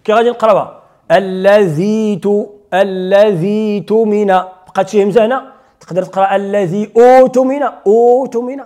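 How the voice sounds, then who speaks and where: Moroccan sheikh giving a recitation lesson, fairly high voice, explains step by step and throws questions at the class. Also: male voice, steady tone, normal speed, warm tone. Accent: Moroccan Arabic. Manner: explains step by step, asks students rhetorical questions, recites verses in between. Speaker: Quran recitation teacher. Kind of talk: lecture on recitation rules.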